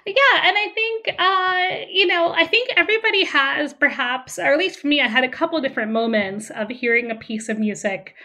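A woman from Austria, a music scholar, talking as a guest in a casual podcast interview, animated and quick to laugh. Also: sits high.

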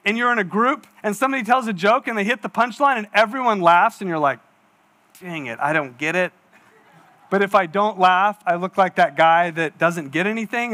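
A pastor in his forties giving a sermon, with a high and bright voice. He talks in a chatty, self-mocking way and tells stories with acted-out asides. It is a man speaking to his congregation in a church. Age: 40s. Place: church hall.

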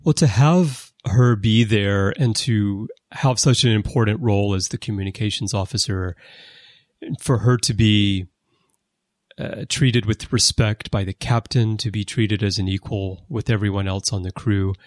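A man hosting a casual podcast conversation, explaining background at length with lively emphasis. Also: on the low side, unhurried, dry recording. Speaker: podcast host. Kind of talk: casual conversation about a TV series. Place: lives in Japan.

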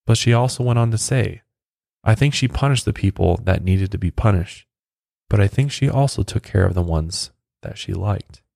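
A man's voice: lowish voice, moderate pace, gravelly, a little mellow, dry recording, studio quality. A man telling a local ghost legend in a casual, chatty way, with off-the-cuff asides. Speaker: storyteller host. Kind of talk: casual spoken storytelling.

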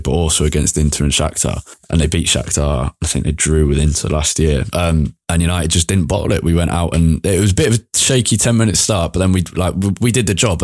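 A man hosting a casual football podcast, talking in a relaxed, rambling way with frequent restarts. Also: a bass voice, no echo, clean studio sound. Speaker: podcast host. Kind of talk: casual chat.

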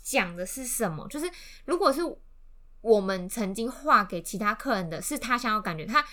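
A woman's voice: mid-range voice, animated, normal speed, bright, forceful tone. A woman, a freelance illustrator telling a story in a casual podcast chat and laughing often.

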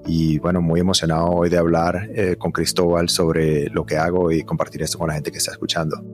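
A man from Venezuela, a guest in an interview, telling his story in a relaxed, reflective way with small fillers. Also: sits low, a little fast, faint music behind. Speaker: guest, psychedelic facilitator. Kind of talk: conversational interview.

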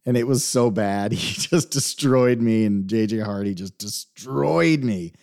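A man's voice: lowish voice, a little slow, creaky, a little mellow. A man co-hosting a casual sports podcast, chatty and self-deprecating, laughing often. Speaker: podcast co-host.

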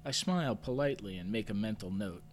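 A man narrating a story in first person with a measured, understated delivery, lifting sharply when his character asks questions. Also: on the low side, expressive, a little hiss or hum. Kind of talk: audio drama narration.

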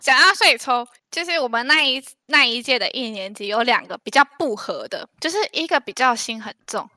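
A young woman in casual chat, chatty and quick to react, sharing anecdotes with a laugh. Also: on the high side, lively intonation, pushed and bright, no echo, studio quality.

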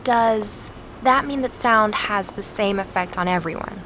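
Playing an eager young podcaster chasing down a mystery story in an audio drama, an actress asks one question after another. She sounds natural, medium-pitched and fairly bright, over slight background noise.

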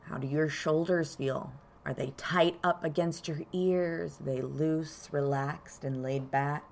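A woman podcast host leading a calm grounding exercise, softly and gently prompting the listener with unhurried pauses. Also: sits low, vocal fry, a little hiss or hum. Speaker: podcast host and card reader.

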